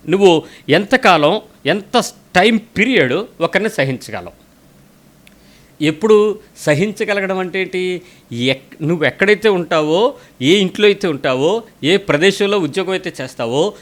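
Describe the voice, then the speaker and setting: A man preaching a sermon, telling a story and quoting its people, pressing hard with questions aimed at the listener. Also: high voice. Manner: tells a story and quotes the people in it.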